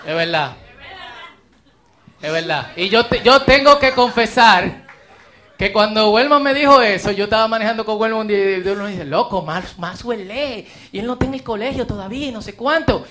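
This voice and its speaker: A man's voice: high-pitched, a little fast, pushed and bright. A man leading a church sharing time, inviting people up with jokey, encouraging asides. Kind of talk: casual hosting in church.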